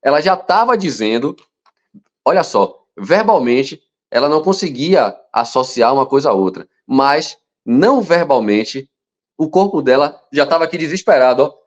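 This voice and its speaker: A man teaching a hypnosis lesson, telling stories with animation and sometimes dropping to a soft, slow voice to show calm. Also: on the high side. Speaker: hypnosis instructor. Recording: dull lo-fi sound.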